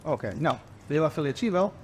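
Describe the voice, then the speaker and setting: A man's voice: a little high, expressive, fast, a little mellow, a little hiss or hum. A man visiting a cooking video, chatting casually and playfully lecturing the host in a teasing way. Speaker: visiting guest. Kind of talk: casual banter.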